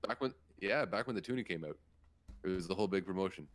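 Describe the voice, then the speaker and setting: Very deep-voiced casual male co-host. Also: quick pace. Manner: casual, laughs, swears, reads news with stumbles. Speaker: podcast co-host. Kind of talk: casual chat, reading news aloud.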